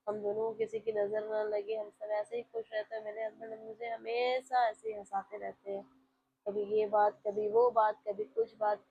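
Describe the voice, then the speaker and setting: This vlogger's voice is fairly high, warm, and breathy-edged, with noticeable vocal fry. She chats casually about her day in a voice-over aimed directly at her audience, captured on a somewhat dull lo-fi recording with faint sounds of home behind her.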